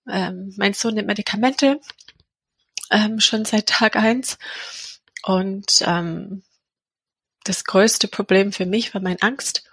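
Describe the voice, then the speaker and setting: A woman's voice: medium pitch, fairly bright tone, slightly rough, dry recording. A woman in her thirties from England with an English accent, speaking German in a hesitant personal testimony, full of fillers and restarts. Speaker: mother of a child with a heart defect.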